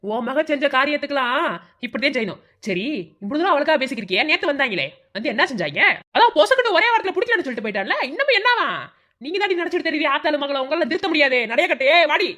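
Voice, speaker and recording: A woman's voice: high voice, expressive, fast talker, bright, forceful tone. A woman voicing a harsh, bossy old village grandmother in a cartoon, scolding sharply in a Madurai accent. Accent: Madurai Tamil. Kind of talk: cartoon voice acting.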